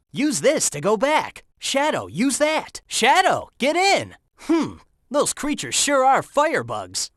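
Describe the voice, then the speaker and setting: A man's voice: sits high, fairly bright tone, no echo, clean studio sound, exaggerated voice. A man playing a cocky, upbeat young hedgehog hero, giving breezy, encouraging guidance in a video game. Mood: curious, observant. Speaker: in-game tutorial guide.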